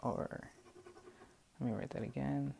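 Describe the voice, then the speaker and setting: A man's voice: medium pitch, steady tone, unhurried, creaky, dark tone, breathy edge. A young man hesitantly walking through a poem's scansion as a student presentation, often restarting and doubting himself. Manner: hesitant, many fillers and restarts, self-doubting. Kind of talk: classroom walkthrough of poem scansion.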